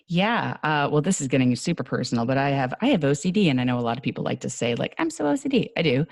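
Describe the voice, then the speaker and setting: A woman with a New York accent, talking casually as a podcast guest, animated and quick to laugh with fast asides. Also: a bass voice, dry recording, studio quality. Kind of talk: casual conversation.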